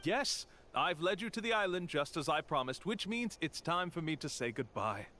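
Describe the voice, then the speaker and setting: Man voicing a smug swindling game guide, highish lively voice, smooth and theatrical, music behind. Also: moderate pace, heavy background noise, close to an everyday voice. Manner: smooth, theatrical, dramatic pronouncements. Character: smug male con-man tour guide, slick and bold.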